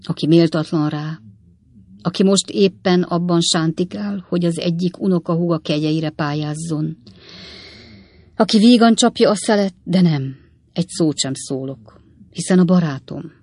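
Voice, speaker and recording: Woman reading a smooth-talking storybook swindler: theatrical, clipped, low and gravelly. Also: a little mellow. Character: glib scheming male swindler, theatrical.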